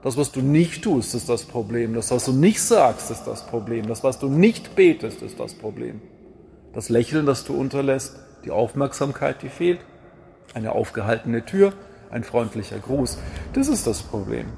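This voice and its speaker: A man preaching a sermon in a lively, rhetorical manner, with wry asides and repeated refrains. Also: mid-range voice, normal speed, vocal fry, a little hiss or hum.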